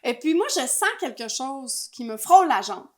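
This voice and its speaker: Lively Québécois woman telling a story. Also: high-pitched, moderate pace. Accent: Québécois French. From Quebec. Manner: animated, laughing, acts out what people said. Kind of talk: casual storytelling chat.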